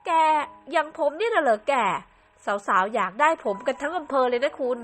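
A woman's voice: high-pitched, expressive, fairly quick, a bit bright, faint music behind. A woman voicing a stern older male judge who talks bluntly and teases, in a Sims storybook drama.

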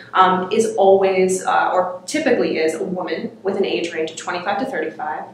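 A woman in her twenties answering interview questions hesitantly, with many ums and uhs. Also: mid-range voice. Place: office room with orange wall, indoors. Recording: very echoey room, distant mic, faint noise.

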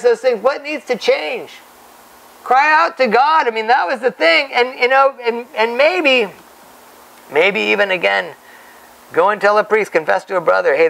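A man in his fifties, a pastor, teaching from the Bible at a pulpit mic in a small church, animated and gesturing, with many restarts and repeated words. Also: sits high, creaky, rough recording. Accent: Hawaiian-influenced American English. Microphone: stand mic at the pulpit.

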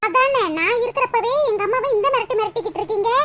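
A woman's voice: extremely high pitch, quick pace, very noisy. A woman voicing a whiny, pampered young married daughter in a cartoon, with a Kanyakumari Tamil accent. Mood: gloating. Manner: whining, complaining.

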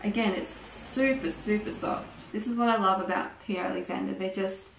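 A woman's voice: mid-range voice, moderate pace, creaky, slight background noise. A young Australian woman with a fading voice chatting casually and gushing about her clothes. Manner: chatty, gushing, says "like" and "literally" a lot. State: losing her voice. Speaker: vlogger. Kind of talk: casual try-on haul chat. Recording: echoey room.

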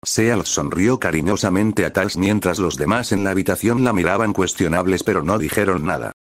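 A man reading a fan story aloud in steady, even narration. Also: low voice, normal speed, dry recording, studio quality. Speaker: fan fiction reader.

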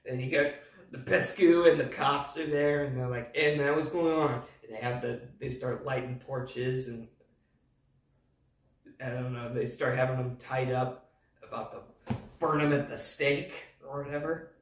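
A man's voice: medium pitch, level tone, a little slow. A man hosting a casual movie recap who rambles and hesitates, full of fillers. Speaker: movie review host. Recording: echoey room, distant mic.

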